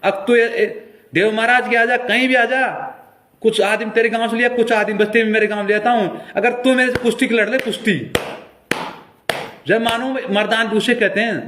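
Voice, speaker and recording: Rajasthani guy ranting on a live stream, high voice, calling someone out over and over. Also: steady tone, normal speed, a bit bright, slight background noise. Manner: confrontational, accusing, repeats challenges. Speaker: folk singer. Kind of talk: angry live-stream appeal.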